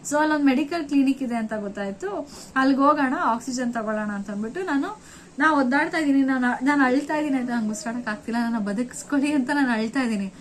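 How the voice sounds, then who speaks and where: A young woman vlogger recounting a frightening trip in an excited, emotional way, repeating words and restarting sentences. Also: high voice, fast, a little hiss or hum, low-quality recording. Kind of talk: emotional first-person storytelling.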